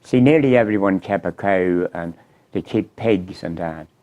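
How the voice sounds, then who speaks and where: A man's voice: low voice, moderate pace, mellow, dull audio. An older man with a Northern Irish accent, chatting casually about old times in short, plain rural phrases. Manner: plain-spoken, brief rural answers. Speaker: interview guest, local walk guide. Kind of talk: casual reminiscing chat.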